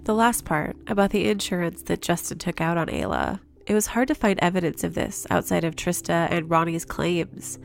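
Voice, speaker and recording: A woman hosting a podcast, telling a story in measured, earnest scripted narration. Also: lowish voice, very animated, gravelly, soft background music. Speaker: podcast host.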